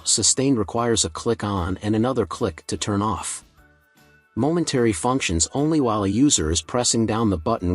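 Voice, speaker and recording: A man with a lowish, slightly rough voice reads a scripted software tutorial, moving through it in a measured, step-by-step instructional way.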